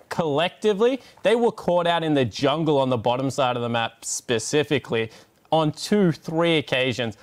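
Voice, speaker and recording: A man on an esports analyst desk breaking down a loss, critical and blunt about who was at fault. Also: fairly high pitch.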